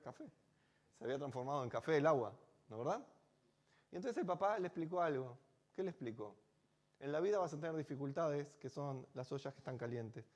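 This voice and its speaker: Fairly high and animated, a little fast and a little mellow, this man's voice carries a Rioplatense Spanish accent. He's a rabbi telling a story in his sermon in a chatty way, posing rhetorical question after rhetorical question.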